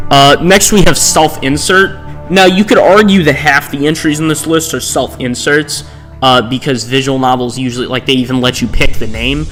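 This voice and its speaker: Speaking in a mid-range, slightly bright voice, this tier-list video host wanders off on tangents in his casual, unscripted commentary, frequently ending remarks with a questioning "right?"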